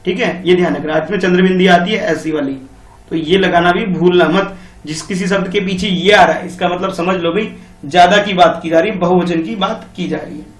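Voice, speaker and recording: A man's voice: sits high, steady tone, a little fast, echoey room, far from the mic. A male teacher giving an online grammar lesson to young children, explaining patiently and repeating key points.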